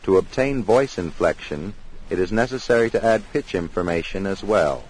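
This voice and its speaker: A man giving formal, measured scripted narration for a technical demonstration. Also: low-pitched, animated, darkish tone, slight background noise, rough recording. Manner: formal, measured explanatory delivery.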